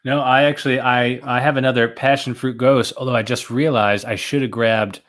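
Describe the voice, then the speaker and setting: A man's voice: mid-range voice, fairly even intonation, brisk, fairly bright tone. A young man chatting casually on a trivia livestream, rambling and self-mocking with lots of fillers. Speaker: trivia contestant and co-host.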